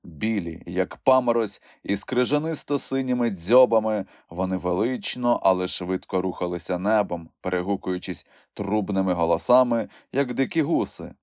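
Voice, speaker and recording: A man narrating a children's audiobook in an expressive storytelling manner. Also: on the low side, moderate pace, hardly any pauses, no echo, clean studio sound. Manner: expressive storytelling with lively swings. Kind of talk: scripted narration.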